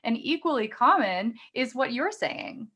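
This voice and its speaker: A woman's voice: fairly high pitch, lively intonation, measured pace, a bit bright, breathy edge. A woman hosting a podcast, speaking earnestly and with empathy. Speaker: podcast host. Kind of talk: casual chat.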